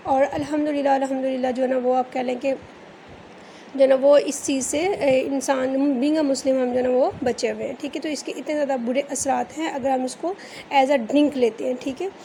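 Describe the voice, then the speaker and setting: A woman chemistry teacher with a Pakistani Urdu accent, giving a recorded class lecture. She reads English lines slowly, then explains them in Urdu, with many fillers and frequent "theek hai" check-ins. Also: high-pitched, fairly even intonation, dark tone, slight background noise.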